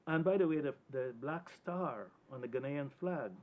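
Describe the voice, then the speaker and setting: A man's voice: fairly high pitch, moderate pace, narrow, tinny audio. A man from Guyana speaking as a guest on a televised panel discussion, talking earnestly and emphatically with frequent restarts.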